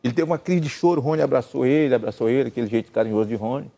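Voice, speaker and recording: An older Brazilian man telling a long personal story in casual chat, acting out the dialogue with lively swings in his voice. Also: mid-range voice, rapid-fire. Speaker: gospel singer and senator telling a story.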